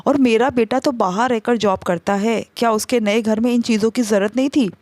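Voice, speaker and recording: A woman's voice: on the high side, a little fast, a little mellow, no room sound, lightly acted. A woman voicing a greedy, complaining middle-aged mother-in-law who scolds and pities herself. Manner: scolding, self-pitying complaints.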